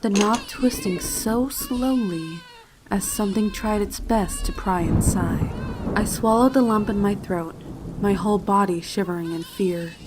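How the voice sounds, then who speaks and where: Over storm and animal sound effects and clear background noise, a woman with a mid-range, fairly everyday voice plays a frightened little pony filly, tearful and trembling. She narrates a first-person fanfiction horror story in a solemn, dramatic, emotive way.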